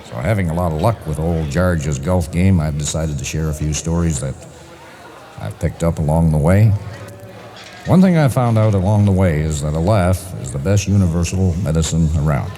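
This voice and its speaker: A man's voice: expressive, moderate pace, dark tone, soft background music. Folksy Newfoundland man telling jokes. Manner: folksy storytelling, jumping into high-pitched voices for his characters. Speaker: comedian. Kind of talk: joke telling. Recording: 1980s comedy album.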